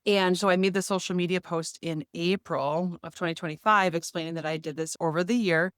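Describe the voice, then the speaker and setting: A woman's voice: on the low side, fairly even intonation, a little fast, clear, resonant tone, no echo, clean studio sound. A woman in her forties talking casually and earnestly straight to the viewer about her fitness year. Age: 40s. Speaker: fitness vlogger. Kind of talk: casual direct-to-camera talk.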